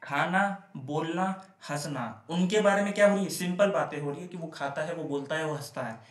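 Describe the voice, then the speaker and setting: A man's voice: a little high, moderate pace. A male grammar teacher lecturing in Hindi, asking and answering his own questions and repeating example sentences. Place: classroom with whiteboard. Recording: echoey room.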